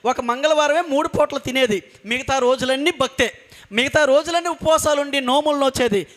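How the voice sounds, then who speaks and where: A man's voice: extremely high pitch, a little fast, fairly bright tone. A man, a preacher telling his family's testimony in an earnest way and driving points home by repeating them. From coastal Andhra Pradesh, India. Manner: earnest storytelling with emphatic repetition. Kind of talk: sermon testimony.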